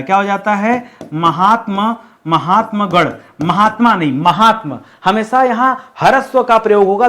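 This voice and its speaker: A male Hindi teacher giving an online exam-prep lesson, explaining step by step and asking and answering his own questions, slowing down to spell out key words. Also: high voice.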